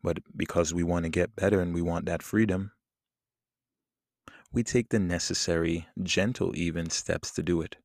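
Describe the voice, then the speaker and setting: A man leading a guided meditation in a soothing, unhurried manner with long pauses between phrases. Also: low voice, steady tone, no room sound, clean studio sound. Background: soft plucked guitar music.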